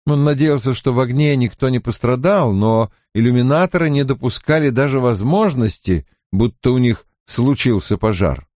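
A man reading an audiobook in measured, scripted narration. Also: mid-range voice, a little mellow, dry recording, studio quality.

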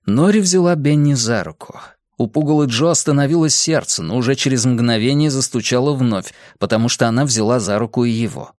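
A man narrating an audiobook with expressive storytelling. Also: mid-range voice, brisk, dry recording, studio quality. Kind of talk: scripted narration.

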